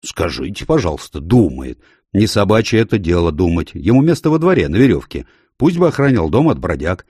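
Male reader playing a grumbling, blunt old landlady, gruff but kind, low husky voice. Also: sing-song, brisk, mellow, no echo, studio quality, exaggerated voice.

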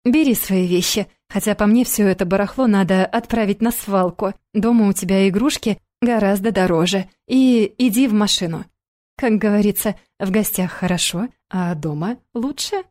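A woman voicing a scornful, mocking blonde ex-wife and mother who talks in a sugary, condescending way, in a mellow voice. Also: mid-range voice, normal speed, close to an everyday voice.

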